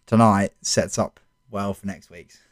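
A man's voice: fairly low pitch, steady tone, a little slow. A young man with a South London accent, co-hosting a sports podcast in casual chat. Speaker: podcast co-host.

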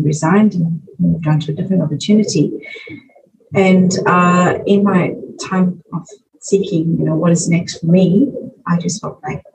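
A woman's voice: on the low side, a little mellow. A middle-aged woman from South Africa answering conversationally as a podcast interview guest. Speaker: podcast guest, children's ministry worker. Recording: muffled distant mic, faint noise.

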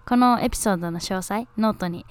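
A woman's voice: mid-range voice, fast talker, clean tone. Chatty young woman podcast host. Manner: chatty, upbeat, many fillers. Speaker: podcast host and lifestyle coach. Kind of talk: casual podcast chat.

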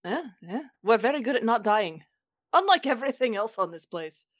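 A woman's voice: on the high side, big pitch swings, normal speed. Blunt, irreverent woman at a game table. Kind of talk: casual, slangy game banter.

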